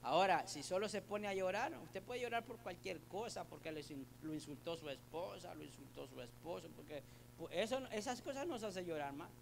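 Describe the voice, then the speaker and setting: A high-pitched man delivers a sermon in an earnest, conversational way. He calls the listener brother, repeats words while he gropes for the phrasing, and reads Bible passages aloud. A faint hum runs under the recording. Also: lively intonation, brisk, creaky. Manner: addresses listener as brother, asks rhetorical questions. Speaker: preacher.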